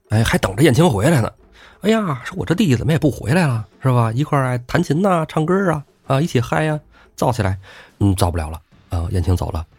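A man's voice: lowish voice, vocal fry, darkish tone, no room sound. A man telling a classic tale comically, with playful, chatty asides. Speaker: storyteller host. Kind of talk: comic oral storytelling.

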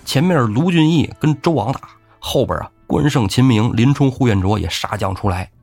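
A man telling a classic tale as the show's host, with lively, jokey asides to the listener. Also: medium pitch, normal speed, faint music behind. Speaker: storyteller host. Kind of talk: humorous storytelling of a classic novel.

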